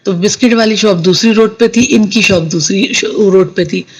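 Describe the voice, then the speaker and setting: A woman's voice: medium pitch, normal speed, breathy edge, rough recording. A woman telling a devotee's experience in a casual, conversational way, speaking straight to her listeners. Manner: conversational, addresses the listeners as sangat ji. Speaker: satsang storyteller sharing a devotee's experience.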